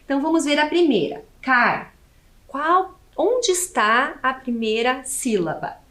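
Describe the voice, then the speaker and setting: A Brazilian woman teaching a televised class to children, slow and patient, asking the class questions as she goes. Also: high voice, expressive, fairly bright tone. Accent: Brazilian Portuguese.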